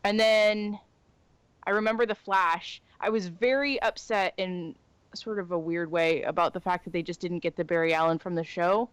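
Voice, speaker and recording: A woman co-hosting a podcast, telling stories in an animated, chatty way. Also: fairly low pitch, moderate pace, clear, resonant tone, dry recording. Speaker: podcast co-host. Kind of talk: casual chat.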